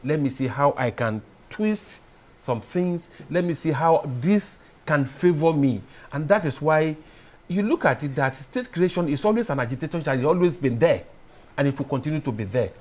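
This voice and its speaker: A man, a public affairs analyst, speaking as a guest in a TV studio discussion, explaining in a measured way and building to emphatic points. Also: a little high, lively intonation, a little mellow.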